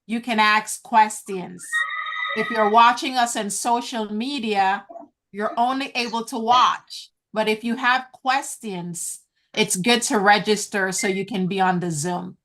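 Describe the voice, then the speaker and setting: A woman business coach hosting an online event teaches a group over a video call, earnest and encouraging, addressing them as guys. Her mid-range, slightly bright voice keeps a fairly even intonation at a measured pace in slow, deliberate teaching talk, and the recording is rough.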